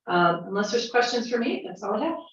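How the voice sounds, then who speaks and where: Woman county official, measured report, fills pauses with "um", heard from afar in an echoey chamber. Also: medium pitch, very animated. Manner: measured, with frequent "um" fillers. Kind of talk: formal meeting report. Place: county legislature meeting room. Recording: dull, echoey chamber audio from a distant mic.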